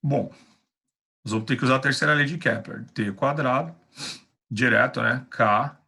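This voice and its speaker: A man's voice: mid-range voice, moderate pace, gravelly, bright, forceful tone. A male physics teacher with a Brazilian Portuguese accent, giving an online class in a patient, reassuring, chatty way over a computer mic.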